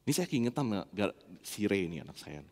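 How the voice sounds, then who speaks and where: A man preaching a lively, playful sermon, acting out little dialogues as he goes. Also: fairly low pitch, quick pace, in a large hall. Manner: animated, playful, acts out dialogue. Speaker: pastor. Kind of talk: lively sermon with humorous anecdotes. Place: church.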